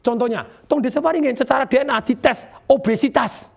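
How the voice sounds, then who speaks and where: A middle-aged man giving an energetic motivational seminar talk to a live studio audience, asking questions and waiting for replies. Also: very high-pitched, brisk, gravelly. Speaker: motivational speaker.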